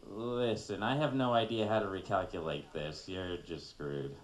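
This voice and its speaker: A man's voice: deep voice, fairly even intonation, moderate pace, close to an everyday voice. A man voicing an airheaded, snippy young woman as a navigation device.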